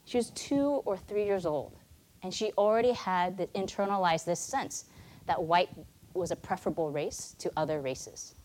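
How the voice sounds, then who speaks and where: Here a native Mandarin speaker from the United States, in her thirties, gives a personal testimony talk at a church as a guest. She talks earnestly and conversationally in a low, darkish voice at a moderate pace.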